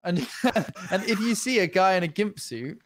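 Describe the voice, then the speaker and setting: A man's voice: sits high, animated, normal speed, a bit bright, slight background noise. A British man co-hosting a comedy podcast, chatting casually and riffing with silly put-on voices. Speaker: podcast co-host.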